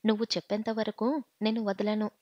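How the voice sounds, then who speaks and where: A woman's voice: medium pitch, level tone, moderate pace, no echo, natural voice. A woman voicing a stern but caring young husband who talks insistently and pleads at times. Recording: slightly muffled audio.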